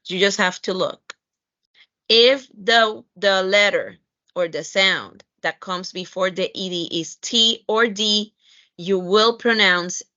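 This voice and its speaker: A woman teaches English pronunciation, moving between English and Spanish. Her voice is bright and crisp, and she checks in with "okay?" and "right?" as she explains. The recording sounds dull and lo-fi, with a dry, close sound. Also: medium pitch, dry recording. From Puerto Rico. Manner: switches between English and Spanish, slow deliberate English, brisk Spanish explanations. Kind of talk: bilingual pronunciation lesson.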